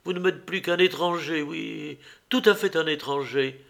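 A man reading a classic novel aloud, voicing a wounded, furious wife in sharp, bitter outbursts. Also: a little high, expressive, a little slow, pitched above the performer's own voice. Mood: bitter, angry.

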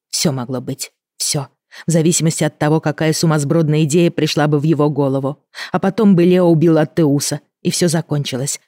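A woman reading a first-person novel in a measured voice that drops to a hush in tense parts. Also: low-pitched, no room sound, studio quality. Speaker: audiobook reader.

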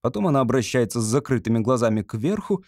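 A man narrates a comic story in a theatrical, animated way. His pitch moves lively through each sentence. The recording is close and dry, with no room sound. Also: fast, no echo. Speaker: audiobook narrator. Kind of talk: expressive audiobook narration.

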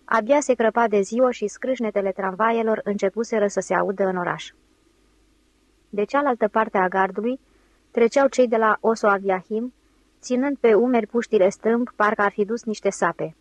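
A woman narrating an audiobook in a measured, even storytelling manner. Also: medium pitch, dry recording, poor audio. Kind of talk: scripted narration.

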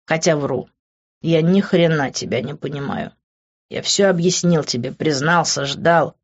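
A woman reading an audiobook, voicing a weary, bitter young man in a low, subdued tone. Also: measured pace, husky, highs cut off, exaggerated voice.

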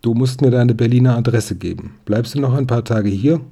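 A man's voice: medium pitch, a little fast, vocal fry, warm tone, pitched above the performer's own voice. A man reading a kindly police inspector.

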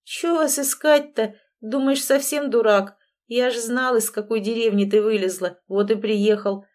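A brash, unshaven young bully who sneers and taunts in coarse street slang, as a woman reading the story puts him on. The voice sits fairly high and drawls its jeers slowly. It is a spoken storybook performance. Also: fairly even intonation, a little mellow, lightly acted. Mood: sneering. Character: crude scruffy young man, brash bully. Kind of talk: audiobook reading.

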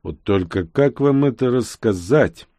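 A man doing a gruff ex-marine barking orders. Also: medium pitch, expressive, measured pace, mellow, dry recording, clean studio sound, voice pushed up, natural voice. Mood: guarded. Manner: barked orders, curt.

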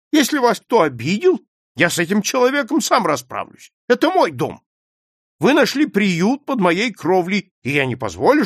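A man voicing a stern, hot-tempered innkeeper in a spoken story, loud and commanding. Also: medium pitch, husky, dry recording, studio quality, full character voice.

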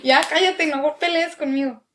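A woman's voice: high voice, normal speed, fairly bright tone, slight background noise. A young woman with a northern Mexican accent, co-hosting a casual podcast chat and telling stories, often mimicking other people's accents. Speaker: podcast co-host.

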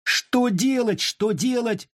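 A man voicing a rough, irritable young boy. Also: extremely high pitch, takes it slowly, dry recording, clean studio sound, voice pushed up. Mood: scolding. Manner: rough, sharp, scolding.

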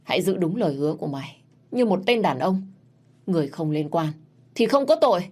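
A woman's voice: lowish voice, animated, fairly quick, darkish tone, breathy edge. A woman voicing a tortured young prince in a read-aloud story, speaking in an earnest, pleading way. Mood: desperate. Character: tortured young prince, defiant then tender.

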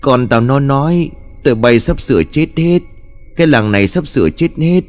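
A man's voice: mid-range voice, expressive, normal speed, darkish tone, soft background music, lightly acted. A man voicing a grief-crazed old village mother who wails and shrieks threats. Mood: ranting. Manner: wailing, then shrieking threats.

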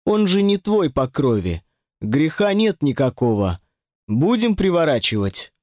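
Storybook witch by a male narrator: sly, pushy, quick to close a deal, lifted pitch. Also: sing-song, a little mellow, no room sound. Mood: persuasive. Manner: brisk, pushy persuading. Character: sharp, scheming fortune-teller witch woman.

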